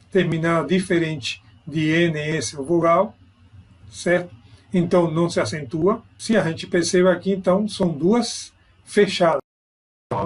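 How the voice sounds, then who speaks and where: A man giving an online grammar lesson, explaining step by step and checking in with his students. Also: a little high. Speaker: Spanish teacher.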